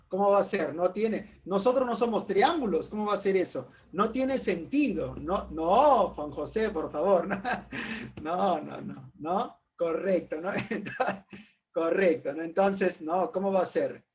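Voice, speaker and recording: A man's voice: high voice, expressive, takes it slowly. A man teaching a philosophy class in an informal way, calling on students by name, asking rhetorical questions and making jokes.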